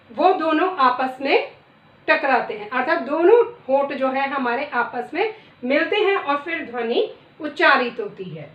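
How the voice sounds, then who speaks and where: A middle-aged woman teaching a lesson, reciting letters one by one in a deliberate way. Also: high voice. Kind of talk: classroom lesson. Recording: echoey room, distant dull mic.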